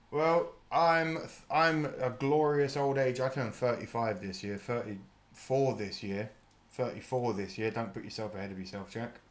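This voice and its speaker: Medium in pitch and fairly even in intonation, this thirtysomething British man speaks a little slowly. It's live reaction chat: he's hosting a watch party stream, chatty and jokey, laughing a lot and swearing casually with his viewers.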